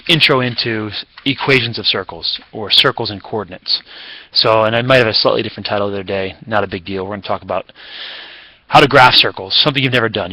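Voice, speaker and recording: A man's voice: lowish voice, sharp tone, rough recording. A man teaching a recorded math lesson in a casual, chatty way, with fillers and self-corrections.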